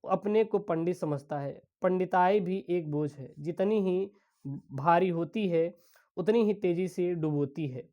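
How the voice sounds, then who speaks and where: A woman teaches an exam-prep lesson in a slightly low voice. She explains each question step by step, keeps addressing her students as dear children, and reads literary passages aloud slowly. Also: highs cut off.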